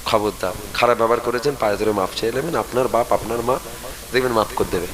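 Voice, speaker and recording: A man's voice: medium pitch, quick pace, poor audio. A man preaching a sermon. He urges the crowd to answer him aloud and leads them in chanted prayers.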